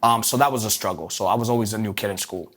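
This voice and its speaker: A man's voice: fairly low pitch, a bit bright. A man from Puerto Rico, telling his life story in an interview with many fillers and restarts. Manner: halting, many restarts and fillers, streetwise phrasing. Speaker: interview guest.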